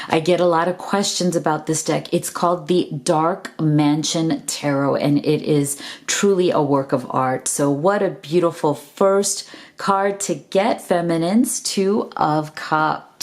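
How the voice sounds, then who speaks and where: A middle-aged woman reads tarot in an unhurried, drawn-out way. Her voice sits a little low for a woman. She gushes warmly over the cards and keeps checking in with "right?". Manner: gushing, affirming, frequent "right?" tags. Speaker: tarot reader. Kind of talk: tarot reading monologue.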